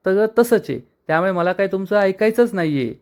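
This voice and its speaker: A man voicing a calm, persuasive young married woman from a TV serial, speaking earnestly as he retells the scene. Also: sits high, fairly quick, clean tone, pitched above the performer's own voice. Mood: coaxing.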